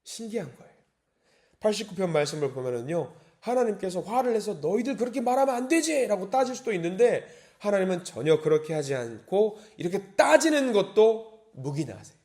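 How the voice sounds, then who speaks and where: A man preaches at an early-morning service, his voice sitting a little high and swinging widely in pitch. He reads scripture slowly and deliberately. He then acts out indignant, pleading prayers with rising intensity. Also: very animated, a little mellow. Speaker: pastor.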